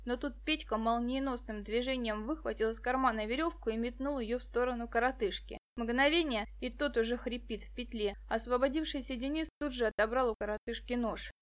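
Lively woman reading a storybook. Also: a little high, brisk, hardly any pauses. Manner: lively, plays all the figures. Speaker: audiobook narrator. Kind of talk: scripted narration.

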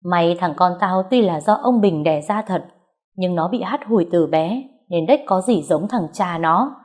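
A woman voicing a furious, scornful middle-aged mother-in-law, who curses and sneers as she shouts. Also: fairly low pitch, lively intonation, measured pace. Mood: scornful, raging.

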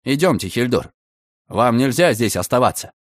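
A man's voice: medium pitch, lively intonation, normal speed, no room sound, studio quality, natural voice. A man voicing a stern police commissioner, speaking in curt, commanding lines. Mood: gentle firm.

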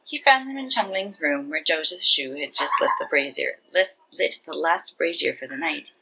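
A woman casually reading fiction aloud, relaxed and chatty, stopping to correct herself. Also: sits low, normal speed, vocal fry, background noise. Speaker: reader.

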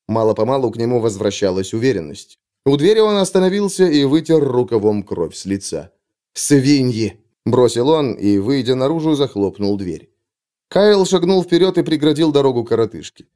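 A man reading an adventure story aloud as narrator, in steady, dramatic storytelling. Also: mid-range voice. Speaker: audiobook narrator. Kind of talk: scripted narration.

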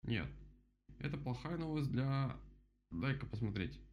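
A man voicing a calm, smug male beaver who talks in a slow, offhand, matter-of-fact way in a storybook. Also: mid-range voice, gravelly, pitched above the performer's own voice. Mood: explaining. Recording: dull lo-fi with faint hum.

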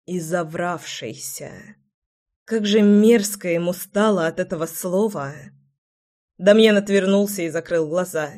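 Female audiobook narrator, steady dramatic reading. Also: mid-range voice, normal speed. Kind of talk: scripted narration.

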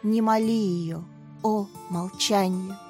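A woman's voice: medium pitch, fairly even intonation, slow pace, darkish tone. A woman voicing an eager, heartfelt young female teacher who recites poetry with emotion. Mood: declaiming. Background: faint music.

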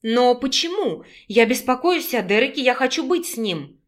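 A woman's voice: fairly high pitch, lively intonation, moderate pace, close to an everyday voice. A woman playing a blurting, outspoken young girl. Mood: indignant. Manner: outspoken, indignant.

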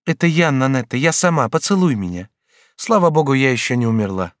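A man's voice: mid-range voice, expressive, dry recording, studio quality, pitched above the performer's own voice, lightly acted. A man voicing Bathilde, a firm, resolute young woman. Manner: firm, earnest, measured.

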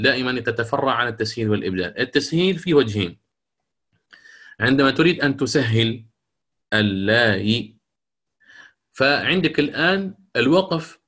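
A middle-aged man with a mid-range voice teaches the rules of Quran recitation. He asks questions and answers them himself. He chants the verses slowly to show each rule. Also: mid-range voice, a bit bright, breathy edge.

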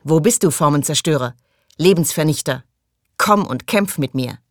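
A man reading an audiobook, voicing a desperate young man who shouts in tense outbursts. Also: high-pitched, moderate pace, dry recording, studio quality, voice pushed up, close to an everyday voice. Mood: wild, challenging.

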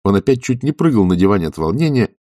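A man narrating a classic novel in a measured, even way. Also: on the low side, no room sound, studio quality. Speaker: audiobook narrator.

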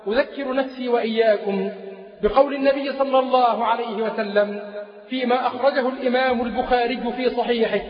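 A man's voice: very high voice, fairly even intonation, quick pace. A man preaching a sermon in a chanting, sing-song delivery, repeating key phrases. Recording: echoey lo-fi mosque recording.

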